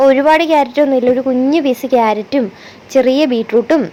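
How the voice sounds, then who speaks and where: A woman's voice: high voice, brisk, mellow, a little hiss or hum. A mother narrating a family vlog in a chatty way, explaining step by step and correcting herself as she goes. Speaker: vlogger and mother.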